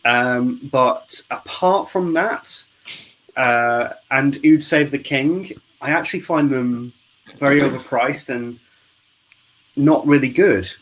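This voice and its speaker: A man's voice: mid-range voice, slow, a bit bright, low-quality recording. Male host, jokey, chatty, on a video call. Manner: joking, chatty, teasing the guests. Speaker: host of a charity live stream. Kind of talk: casual group chat.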